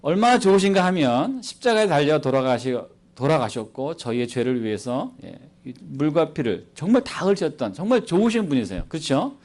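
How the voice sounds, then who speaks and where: A man preaching as a missionary at a church service, animated and playful, quizzing the congregation into a handheld microphone. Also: fairly high pitch, fairly quick, hardly any pauses. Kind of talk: sermon.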